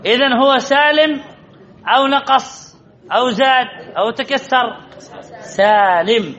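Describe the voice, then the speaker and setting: Man, grammar teacher, classroom lesson, very high pitch, drills and teases, lo-fi recording. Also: unhurried, a bit bright. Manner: questions students by name, teasing, repetitive drilling. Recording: dull lo-fi recording.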